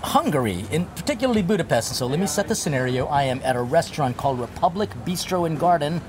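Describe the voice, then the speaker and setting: A man from the United States, a priest hosting a casual food and travel interview at an outdoor restaurant, talking in a lively, jokey way. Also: fairly high pitch, fast, background noise. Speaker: host and priest.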